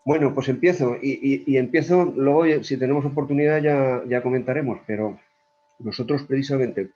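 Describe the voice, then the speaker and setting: A man's voice: medium pitch, normal speed, warm tone. A man with an accent from Spain, an energy company executive speaking in a panel debate over a video call, hesitant and often repeating his words. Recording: dull lo-fi call audio.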